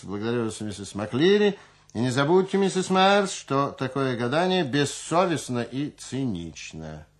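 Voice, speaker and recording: Brief: male reader as a pedantic older judge, loud and lecturing, animated delivery. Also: fairly high pitch, voice pushed up.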